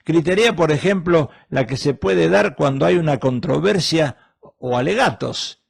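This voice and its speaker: Middle aged pastor guy preaching, raspy gravelly voice, lots of emphatic questions. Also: fairly high pitch, normal speed. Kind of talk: sermon.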